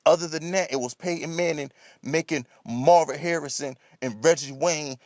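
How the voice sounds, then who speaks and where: A man with a high-pitched voice goes off on a freestyle sports rant, recorded close and dry. He is emphatic and comically exasperated, building up his points with repetition, rhetorical questions and plenty of cursing. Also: moderate pace, a little mellow, no echo. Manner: ranting, escalating, comedic exasperation; heavy swearing. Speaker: sports commentator.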